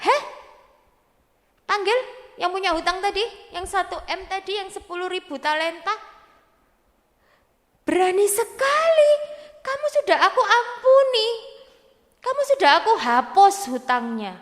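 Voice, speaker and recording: A woman's voice: extremely high pitch, lively intonation, a little slow, long pauses, long reverb tail, voice pushed up. A woman voicing an angry male king who sternly scolds his servant. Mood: scolding. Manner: scolding, indignant.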